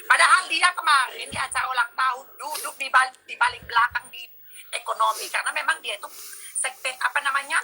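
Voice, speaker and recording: A woman in casual gossip chat, telling stories loudly and dramatically and mimicking people, heard over a tinny phone-like line. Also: high voice, brisk, a little hiss or hum. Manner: loud, dramatic storytelling with mimicry. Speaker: social media personality.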